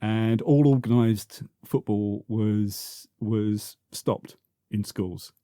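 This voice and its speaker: A man's voice: on the low side, fairly even intonation, drawn-out words, warm tone, no room sound, studio quality. A man, reminiscing as a podcast guest, full of restarts and repeated words. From South London, England. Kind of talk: reminiscing conversational interview.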